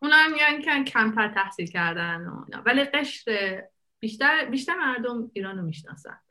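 A woman's voice: fairly high pitch, lively intonation, sharp tone. A woman from Iran, a guest living in England, chatting casually, laughing often and mimicking the people she quotes. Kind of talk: casual chat.

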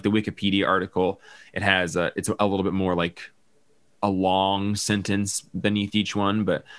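A man's voice: low voice, bright, forceful tone, clear, resonant tone, dry recording. A man hosting a casual comic book podcast, thinking aloud and rambling with many fillers. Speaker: podcast host.

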